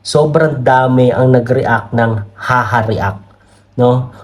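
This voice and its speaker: A man with a Filipino accent talks casual politics into a camera mic, his voice medium in pitch and his pace slow. He's chatty and laughs a lot, tosses in plenty of tag questions, and reads viewer comments aloud off the screen.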